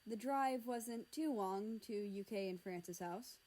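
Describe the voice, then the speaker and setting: A young woman reading a fan story aloud in a casual, unhurried way. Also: mid-range voice, a little mellow, rough recording. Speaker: narrator reading fan fiction.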